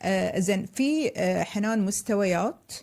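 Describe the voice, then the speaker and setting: A woman's voice: mid-range voice, expressive, moderate pace, darkish tone. An Emirati woman interviewer who asks questions and keeps agreeing with short interjections. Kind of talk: conversational interview.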